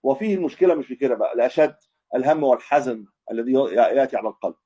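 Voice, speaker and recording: A man's voice: mid-range voice, animated, very fast, dark tone, breathy edge. A man teaching a religious lesson as a scholar, explaining hadith and often restating and correcting himself. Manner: explanatory, repeats and restates points, self-corrects. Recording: dull lo-fi recording.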